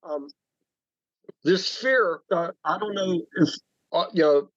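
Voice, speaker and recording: Guy calling in on his cell phone to a conference call, kinda high voice, dull phone-ish audio, stumbles and repeats himself. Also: a bit bright, dry recording. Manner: halting, repeats words and restarts often. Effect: conference call over a cell phone. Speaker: woodturning club member showing his work. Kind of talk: casual chat on a group call.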